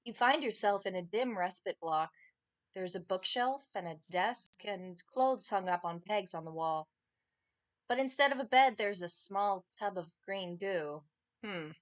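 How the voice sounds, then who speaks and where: A woman's voice: medium pitch, lively intonation, a little slow, dry recording. A woman reading a game's second-person narration aloud, adding playful, dry comments. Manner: playful, dry asides between narrated lines. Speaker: game streamer.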